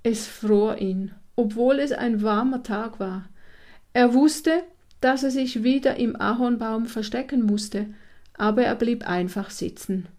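Slow, expressive woman storyteller. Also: on the high side. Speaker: narrator. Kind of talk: storybook read-aloud.

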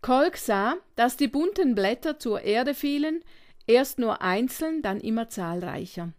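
A woman reading a children's story aloud as narrator, gentle and unhurried. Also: on the high side, expressive.

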